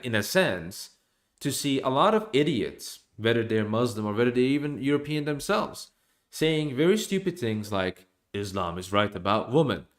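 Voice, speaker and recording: With a mid-range voice, a young man from Norway holds forth on his opinions to a desk webcam in his small home room. Animated gestures and frequent restarts mark his streamed monologue.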